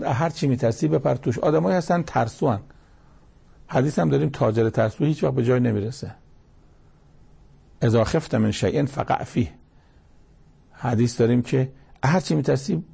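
A man preaching a sermon, reciting verses slowly and explaining them in everyday speech with anecdotes. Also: medium pitch, warm tone. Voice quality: gravelly, husky voice. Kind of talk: Quranic commentary sermon.

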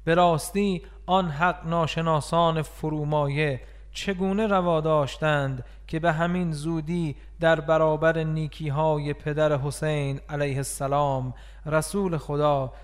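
A man's voice: a little high, smooth. A man giving a solemn, mournful scripted reading of a religious text.

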